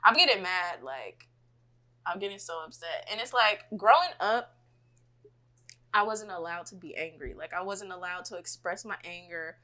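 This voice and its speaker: A woman's voice: fairly low pitch, expressive, moderate pace, bright, forceful tone. Laid-back young woman telling stories. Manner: laid-back, heavy use of "like", laughs through stories. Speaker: podcast co-host. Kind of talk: casual storytelling chat.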